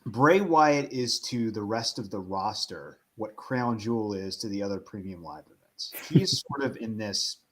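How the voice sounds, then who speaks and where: A man's voice: fairly low pitch, animated, normal speed, hardly any pauses, a bit bright. A man on a podcast explaining his ideas in an analytical, thoughtful way. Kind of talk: casual chat.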